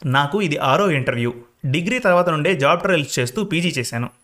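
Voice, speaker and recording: A man's voice: a little high, lively intonation, fast, a bit bright. A man voicing an anxious young woman waiting for a job interview, speaking nervously and pleadingly.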